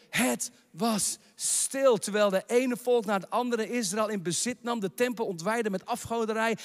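High-voiced preacher in a reverberant hall. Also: male voice. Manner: rising to shouted proclamations, mixing in English phrases. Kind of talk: sermon.

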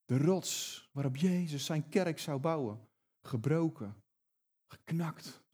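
A man's voice: a little high, expressive, takes it slowly, darkish tone, husky. A man preaching a sermon, emphatic and often repeating words as he builds his points.

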